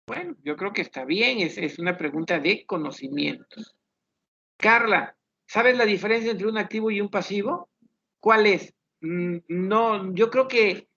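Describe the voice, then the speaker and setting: A man teaching an online class, thinking aloud as he reviews student questions in a measured, explanatory way. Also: high voice, pushed and bright. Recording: dull lo-fi online class audio.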